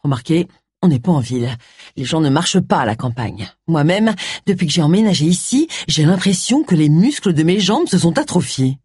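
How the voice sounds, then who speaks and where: A woman voicing a sharp-tongued, grumbling middle-aged amateur detective in an audiobook. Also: low voice, lively intonation, husky, no echo, studio quality, full character voice. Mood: indignant. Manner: indignant, grumbling, quick retorts.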